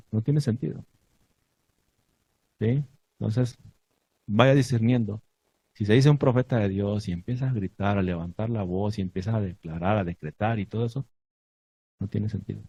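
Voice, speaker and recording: A man's voice: mid-range voice, warm tone, husky, no echo, dull audio. A man teaching a congregation in a sermon, asking his listeners questions and reciting Hebrew blessings.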